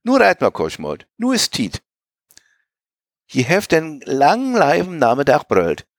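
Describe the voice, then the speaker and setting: A man voicing a stern, indignant middle-aged merchant consul who scolds gruffly in a Low German accent. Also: huge pitch swings, measured pace, dry recording, clean studio sound, heavily acted. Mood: scolding.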